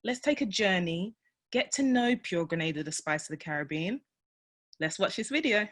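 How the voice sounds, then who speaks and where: A woman's voice: lowish voice, expressive, moderate pace, a bit bright. A woman from the UK, a tourism trade manager, presenting in a conversational manner with asides and fillers. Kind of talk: guest presentation.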